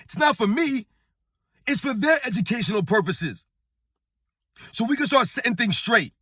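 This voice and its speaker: Speaking from a beach vacation, this middle-aged man who hosts a sports channel rants casually to camera, his voice hoarse and tired yet pitched high, tense and bright. He's very animated at a moderate pace, hammering his point with emphatic repetition and repeatedly addressing viewers as "guys." The sound is close and dry, without any echo.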